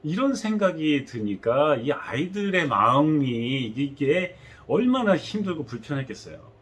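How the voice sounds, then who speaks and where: A male pastor preaching a sermon, telling the story in an animated way with acted-out quotes. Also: fairly high pitch, unhurried, slightly rough.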